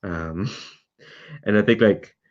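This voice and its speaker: A man's voice: lowish voice, steady tone, moderate pace. A man playing in a tabletop role-playing game, rambling and hesitant with many ums, on dull lo-fi online call audio. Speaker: player.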